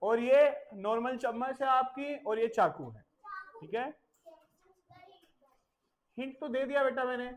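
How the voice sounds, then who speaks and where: A man's voice: extremely high pitch, unhurried, pauses often. A man teaching a classroom vocabulary lesson, repeating each word and spelling it out letter by letter. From India.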